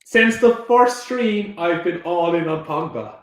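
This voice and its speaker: An excitable young man chatting during a live football match, his voice swooping up and down and sitting a little high for a man. He laughs often and swears freely. The sound has a noticeable roomy echo. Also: a little slow. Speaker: podcast co-host. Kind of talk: casual chat over a live football match.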